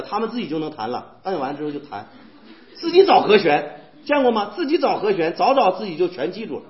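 A man preaching a sermon in a church, animated and firing rhetorical questions at the congregation. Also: high-pitched. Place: church hall. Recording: echoey, dull church hall recording.

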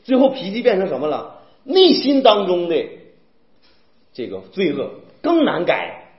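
Male preacher, high and very lively delivery, rhetorical questions, echoey muffled room. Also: unhurried. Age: young adult. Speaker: pastor. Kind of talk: sermon.

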